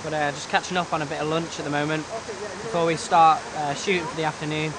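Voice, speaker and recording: A man's voice: fairly high pitch, fast talker, crowd noise. A slightly tired man from a pop band chatting on a lunch break at a shoot, hesitant with plenty of "uh" and "um". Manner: relaxed, hesitant with "uh" and "um". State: a bit tired. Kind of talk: casual behind-the-scenes chat. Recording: noisy outdoor ambience.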